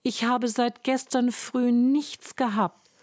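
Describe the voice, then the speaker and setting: A woman's voice: on the high side, fairly even intonation, slow, no echo, studio quality, pitched above the performer's own voice. A woman voicing a polite, hungry young boy in a storybook reading. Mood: pleading. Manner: polite, pleading.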